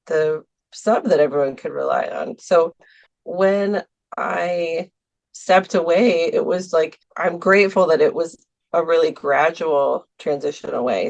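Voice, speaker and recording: Woman podcast guest, really gravelly voice, lots of ums and little laughs, easygoing chat. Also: low voice, a little mellow. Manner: hesitant, many ums, laughs often. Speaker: podcast guest, art teacher for seniors. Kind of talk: casual interview talk. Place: Milwaukee, US.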